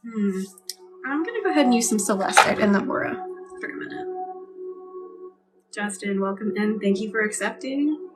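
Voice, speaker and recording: A woman hosting a live reiki healing stream, chatting casually and gently with viewers and thanking them by name. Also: mid-range voice, expressive, normal speed, long pauses, far from the mic. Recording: music playing behind, voice a bit off-mic.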